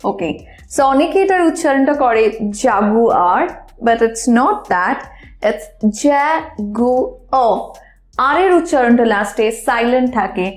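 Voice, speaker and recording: A woman's voice: on the high side, very animated, echoey room. A woman teaching English pronunciation in a lesson, spelling out words letter by letter. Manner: slow, spelling out letters one by one. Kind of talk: spoken language lesson.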